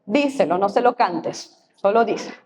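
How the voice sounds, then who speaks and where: A woman's voice: medium pitch, lively intonation, measured pace, darkish tone, a little hiss or hum. A woman pastor, preaching a sermon in church and repeating key phrases for emphasis.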